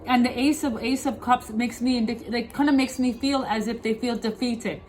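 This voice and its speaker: A woman's voice: a little high, fairly even intonation, normal speed, a little mellow, slight background noise, low-quality recording. A woman with a slight lisp from wearing dental aligners, giving a tarot reading to viewers in an emphatic, repetitive way, often checking in with her listeners. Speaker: tarot reader, host.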